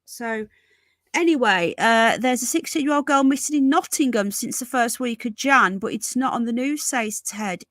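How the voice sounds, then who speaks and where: A woman with a fairly high, expressive, fairly bright voice hosts a casual live news stream from home at normal speed. She chats with viewers, repeats herself, and calls them folks and darling. The sound is clean studio quality with no room sound.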